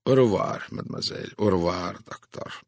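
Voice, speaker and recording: A man reading an audiobook, voicing a polite, sly older detective who speaks softly and breathily. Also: sits low, moderate pace, dry recording, studio quality. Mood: courteous. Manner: soft, breathy, courteous.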